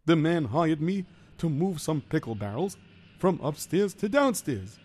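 A man's voice: fairly high pitch, very animated, unhurried, darkish tone. A man voicing a bumbling, fretful worker who speaks, lamenting and stammering. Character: bumbling hapless male worker, fretful and clumsy.

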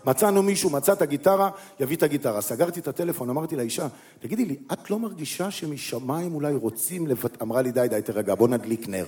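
A middle-aged man with a high voice performs stand-up, spinning a long comic tale. He jumps between his own voice and quick impressions of the people in the story, his pitch leaping up and down as he goes. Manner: animated storyteller acting out quoted voices with big pitch swings. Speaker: stand-up comedian.

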